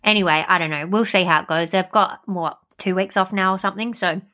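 Bright-voiced chatty woman podcaster. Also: on the low side, a little fast. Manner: chatty, animated, with filler words. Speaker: podcast co-host. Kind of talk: casual chat.

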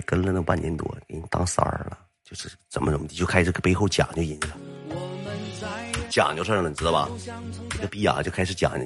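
A man with a Northeastern Chinese accent telling a comic anecdote in a rambling, profane, animated way. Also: deep voice, slightly rough. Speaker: storyteller.

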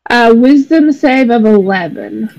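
A woman playing a tabletop game, pausing as she works out her spell. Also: a little high, expressive, a little mellow, dull audio. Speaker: player. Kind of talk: casual tabletop play.

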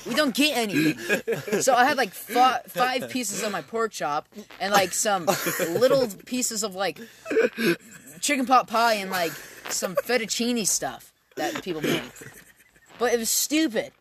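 A man's voice: high voice, lively intonation, measured pace, fairly bright tone. A teenage boy co-hosting a podcast outdoors, ranting in a rambling, stammering way full of restarts. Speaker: podcast co-host. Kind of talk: casual chat among friends. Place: outdoors on a backyard trampoline.

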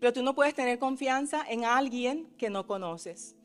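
This preacher, a woman with a slightly high voice at normal speed, peppers her sermon with questions to the listeners and tag questions. She performs the disciples' cries from the story with growing force, while faint music sounds behind her.

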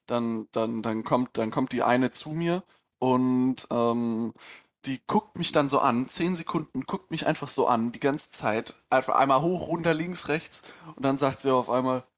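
Guy rambling thru a story on a podcast, lots of ums, dry humor, average pitch. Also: a little slow. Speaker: podcast host. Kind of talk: casual storytelling chat.

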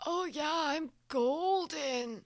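A woman's voice: sits high, drawn-out words, dry recording, full character voice. A woman voicing a brash, unbothered male ghost with a blunt, casual manner in improvised comedy. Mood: cocky, unbothered.

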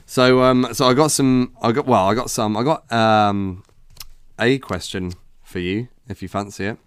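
A man's voice: mid-range voice, moderate pace, smooth, dry recording, clean studio sound. A man co-hosting a podcast, chatting casually in a rambling, hesitant way with many restarts. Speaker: podcast co-host. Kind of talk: casual chat.

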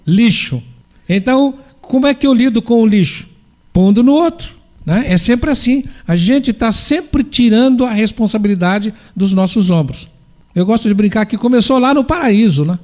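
A man's voice: high-pitched, lively intonation, moderate pace, darkish tone. A man giving a spiritual sermon, posing rhetorical questions and answering them himself. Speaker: spiritual lecturer. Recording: dull lo-fi recording.

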